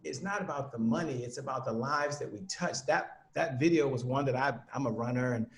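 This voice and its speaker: A man's voice: mid-range voice, a little fast. Earnest motivational male speaker. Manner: earnest, motivational, animated storyteller. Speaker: guest, sales trainer. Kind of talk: motivational storytelling.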